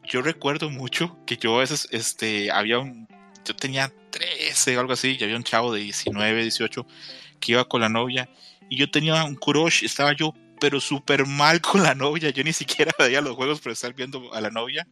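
Soft background music plays as a podcast co-host in his thirties, with a Mexican Spanish accent, tells stories in a casual conversation. His medium-pitched, sharp voice moves fairly quickly, and he imitates voices while laughing.

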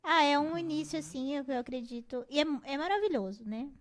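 Brazilian woman guest, high voice, animated anecdotal storyteller. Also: brisk. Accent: Brazilian Portuguese. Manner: animated storytelling, acts out her kids, laughs often. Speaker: guest, mother of four. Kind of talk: casual interview chat.

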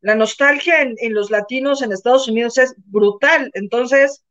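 A Mexican woman co-hosting a casual live show, telling an animated story and acting out the people in it. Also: a little high, normal speed. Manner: animated, acts out voices in her anecdotes. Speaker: co-host. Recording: muffled lo-fi sound.

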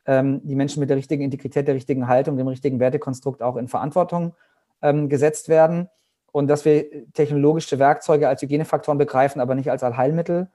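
A middle-aged man holds forth in an interview, his voice mellow and dark. His pitch stays fairly even, and he circles his points with restarts and fillers as he thinks aloud. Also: fast. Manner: reflective, many restarts and fillers. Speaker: guest, sports marketing agency head. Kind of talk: interview answer.

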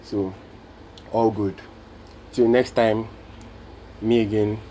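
A man's voice: fairly low pitch, level tone, slow, dark tone, a little hiss or hum. A Nigerian man hosting a casual solo podcast, speaking earnestly and repeating his points for emphasis. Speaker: podcast host.

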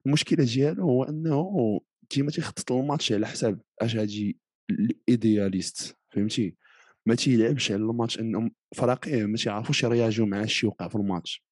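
A man's voice: mid-range voice, fast talker, darkish tone, dry recording. A man with a Moroccan accent in a casual football discussion, explaining his points and mixing in French phrases.

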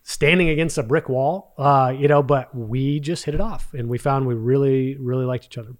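A man's voice: medium pitch, fairly even intonation, normal speed. Chatty man with a light Texas accent. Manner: chatty storyteller. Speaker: podcast guest. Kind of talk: casual conversation.

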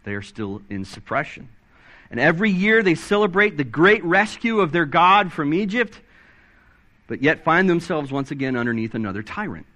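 A man preaching a sermon, excitable and animated, reading scripture aloud and swinging his pitch up and down as he stresses points. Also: moderate pace. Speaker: pastor.

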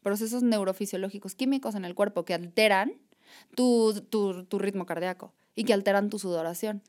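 Woman guest, animated reflective conversational delivery. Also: medium pitch, a little fast. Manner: animated, reflective, repeats "o sea" and "¿sabes?". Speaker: podcast guest. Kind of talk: casual conversation.

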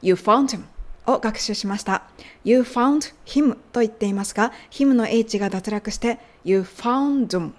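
A woman whose native language is Japanese, hosting an English lesson podcast, explaining and slowly modeling English phrases. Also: on the high side. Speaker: English teacher.

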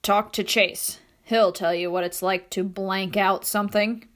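A woman's voice: mid-range voice, fairly even intonation, a little slow, natural voice. Woman doing a crabby old man's bark. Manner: barking, gruff. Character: crabby old male war veteran.

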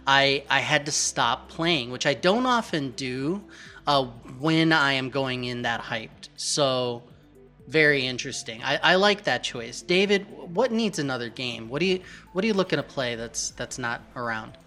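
Bright upbeat male podcast host. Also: medium pitch, lively intonation, a little slow, soft background music. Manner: upbeat, joking, hype-driven introductions. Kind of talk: casual podcast chat.

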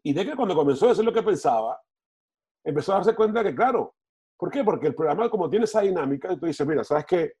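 Husky man rambling. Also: sits high, animated, fast, a little mellow. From Venezuela. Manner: rambling, repeats and restarts words. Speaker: football TV panelist, podcast guest. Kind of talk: casual podcast conversation.

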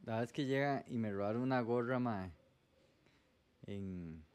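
A man's voice: mid-range voice, measured pace, darkish tone, clear, resonant tone. A man with a Costa Rican accent telling a short anecdote in a casual podcast chat, slangy and quoting the people in his story.

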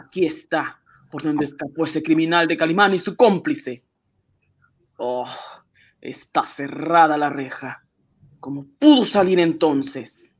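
An actor playing a suspicious, threatening police inspector in a radio drama, barking demands with gasping unease. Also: male voice, on the high side, measured pace. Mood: uneasy, demanding.

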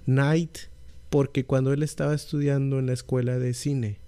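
A man's voice: medium pitch, flat delivery, normal speed, mellow. A man co-hosting a casual film podcast, chatty and rambling with frequent restarts. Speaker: podcast co-host.

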